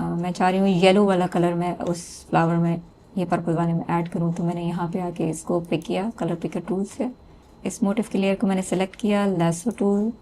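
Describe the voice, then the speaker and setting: Low, flat-voiced woman teaching software. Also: slight background noise. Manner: calm step-by-step explaining with fillers. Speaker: textile design instructor. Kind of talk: screen-recorded software tutorial.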